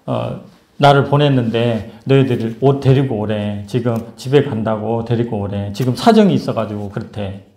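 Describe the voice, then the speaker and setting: A man voicing a young female police officer who slowly sweet-talks small children into following her. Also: warm tone, echoey room, lightly acted. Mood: coaxing. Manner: slow, low, sweet-talking.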